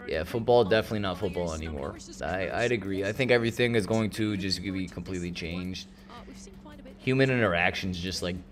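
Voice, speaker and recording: Chatty streamer man, teasing outbursts. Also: deep voice. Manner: chatty and teasing, with loud bursts of mock outrage. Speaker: streamer hosting a watch party. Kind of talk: casual live-stream chat.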